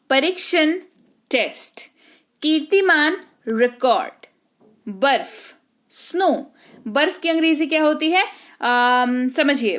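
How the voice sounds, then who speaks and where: Casting note: woman teacher, high voice, unhurried word-by-word delivery. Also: a bit bright. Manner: slow, explains each word with checks like "ठीक है?". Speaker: English teacher. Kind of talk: vocabulary lesson.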